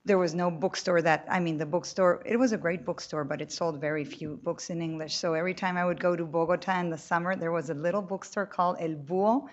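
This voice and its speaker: A Colombian novelist speaks on a panel to a live audience, animated and talkative, with a low-ish voice, a fast pace, hardly any pauses and frequent restarts. The event audio is muffled.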